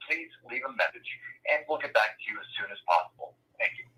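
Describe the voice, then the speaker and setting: A man's voice: medium pitch, expressive, quick pace, very noisy. A man giving a formal, scripted office voicemail greeting, heard as an answering machine message over a phone call.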